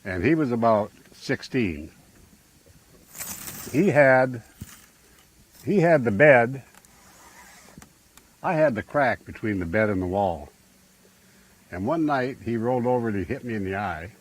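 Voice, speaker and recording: A man's voice: medium pitch, lively intonation, measured pace, long pauses, breathy edge. An older man talking in an easygoing, rambling, folksy way about living full time on the road, speaking from inside his travel trailer. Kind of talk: casual conversational storytelling. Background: loud guitar music.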